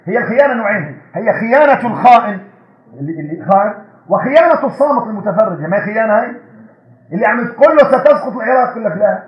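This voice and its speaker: A man preaching an impassioned sermon with rising, shouted repetitions. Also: high voice, expressive, very fast, reverberant, dull audio. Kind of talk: fiery Friday sermon.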